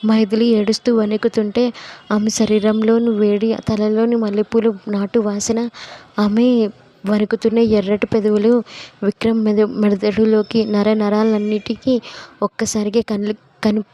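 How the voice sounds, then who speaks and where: A woman narrating an audio story with a steady, even reading. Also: mid-range voice, normal speed.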